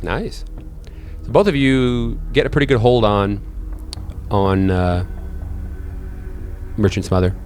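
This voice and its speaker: Acting as game master, a man makes up horror narration on the spot, stopping and starting and repeating words while he works out what comes next. His voice is on the low side and a little mellow, with faint music in the background.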